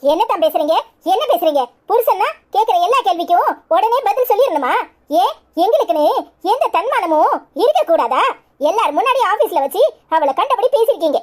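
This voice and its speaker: A woman voicing a firm, sharp-tongued mother in a cartoon, with a Kanyakumari Tamil accent. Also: high-pitched, lively intonation, fairly quick. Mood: scolding. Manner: scolding, firm. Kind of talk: cartoon voice acting.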